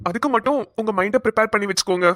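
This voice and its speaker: A woman's voice: medium pitch, very fast, a bit bright, dry recording, clean studio sound, natural voice. A woman voicing a polite, reassuring male hospital doctor in a cartoon. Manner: polite, reassuring, mixes English words. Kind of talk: cartoon voice acting.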